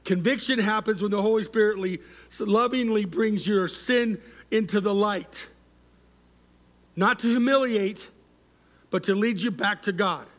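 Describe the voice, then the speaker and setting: A middle-aged male pastor preaching a sermon, measured and repetitive for emphasis, often asking the congregation to respond. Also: high-pitched, a bit bright. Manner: measured, repeats key words for emphasis.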